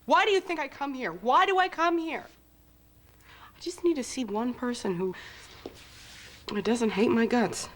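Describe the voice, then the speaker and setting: An actress playing a brash young woman who talks fast and defensively and wisecracks, in daytime soap acting. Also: a little high, big pitch swings, slight background noise. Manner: defensive, quick-tongued, wisecracking.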